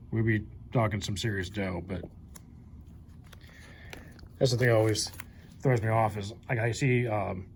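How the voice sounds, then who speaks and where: A man's voice: on the low side, a little hiss or hum. Chatty young man flipping through cards. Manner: chatty, upbeat, naming cards one by one. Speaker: card collector channel host. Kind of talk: casual card-opening commentary. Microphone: handheld camera mic.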